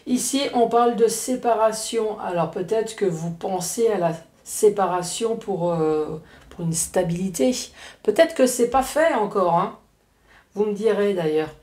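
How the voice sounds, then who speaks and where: A woman's voice: mid-range voice, unhurried, mellow. Woman, Alsatian accent, casual tarot reading, chatty and joking, roomy echo. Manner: chatty, joking asides, frequent "hein" tags. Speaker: card reader.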